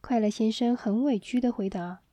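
Woman reading a children's story, mellow tone. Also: a little high, moderate pace, dry recording. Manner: gentle, expressive reading to children.

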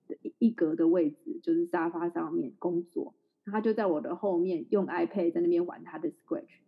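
A woman in her thirties, a podcast co-host chatting casually and telling a family story with frequent laughter. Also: medium pitch. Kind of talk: casual chat. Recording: slightly dull lo-fi recording.

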